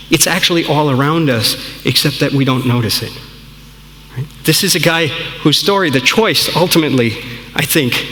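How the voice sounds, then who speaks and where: A man's voice: on the high side, bright, forceful tone, slight background noise. A man giving an earnest, conversational storytelling talk to an audience, often checking in with "right?". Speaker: speaker. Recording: echoey hall, long reverb.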